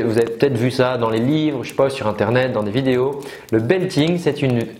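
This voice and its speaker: A man teaching singing in a casual online lesson, explaining with many fillers and demonstrating sung notes. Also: medium pitch. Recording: roomy echo.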